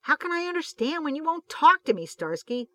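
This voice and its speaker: A reader voicing a hurt, withdrawn and refined male police detective in an audiobook of fan fiction, speaking quietly in a raw voice. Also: mid-range voice, expressive, normal speed, natural voice. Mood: angry.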